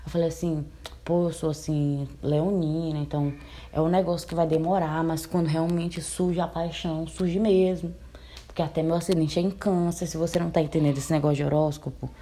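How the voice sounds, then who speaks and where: A woman in her twenties telling a story in a casual, animated way, laughing often and acting out both sides of the talk. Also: sits low, brisk. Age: 20s. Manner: animated, laughing, quotes herself and her date. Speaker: storyteller recounting a bad date.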